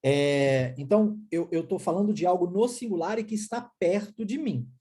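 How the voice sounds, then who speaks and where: A man's voice: high-pitched, husky. A man from Brazil with a Brazilian Portuguese accent, teaching English in an encouraging way and checking in often with his students. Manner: lively, encouraging, explains slowly with many check-ins. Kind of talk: recorded language lesson.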